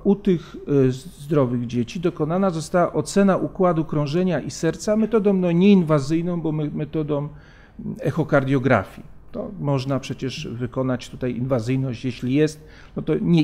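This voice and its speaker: Middle-aged male lecturer, fairly high voice, halting delivery with fillers, lectern mic in a big hall. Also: dark tone. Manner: measured, hesitant with frequent fillers and restarts. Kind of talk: academic conference lecture. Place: large conference hall, at a lectern. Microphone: lectern microphone.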